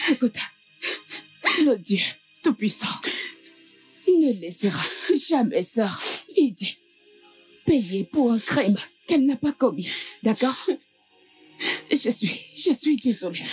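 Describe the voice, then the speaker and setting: An actress dubbing a loyal friend who slowly consoles a crying woman. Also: fairly high pitch, animated, husky, soft background music, heavily acted. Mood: consoling. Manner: slow, consoling, repetitive. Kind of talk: dubbed film drama.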